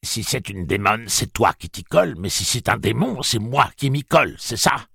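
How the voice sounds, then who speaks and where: A man's voice: on the low side, sing-song, measured pace, creaky, slightly rough, dry recording, studio quality, voice pushed up, exaggerated voice. A man voicing a cynical, crude woman with a put-on Southern drawl in an audiobook. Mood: mocking. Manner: mocking, defiant.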